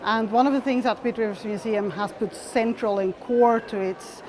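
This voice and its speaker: A woman who directs a museum, explaining its aims in a measured, formal way in a documentary interview. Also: a little high, fairly even intonation, background noise.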